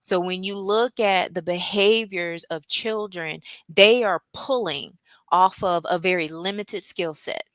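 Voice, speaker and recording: Woman guest speaker, low and smooth, calm teaching delivery. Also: unhurried, no room sound. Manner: earnest, explanatory, calm, with frequent ums. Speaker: guest speaker on mental health. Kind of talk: teaching talk at a church.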